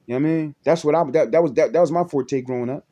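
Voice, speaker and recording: A man's voice: a little high, racing, warm tone. A man talking to the camera in a rambling, profane personal monologue, repeating himself and restarting sentences, with "you know what I'm saying" over and over. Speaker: vlogger.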